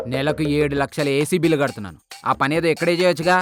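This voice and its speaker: An actor playing an office manager who scolds a lazy employee with dry, stern remarks. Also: male voice, fairly high pitch, fast, soft background music, natural voice. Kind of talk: web series acting.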